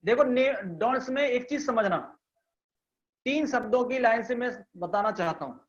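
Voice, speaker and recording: A man with a very high-pitched, animated voice runs an online sales training session at a moderate pace, and the recording sounds muffled. He teaches step by step, repeating his points and asking whether listeners have understood.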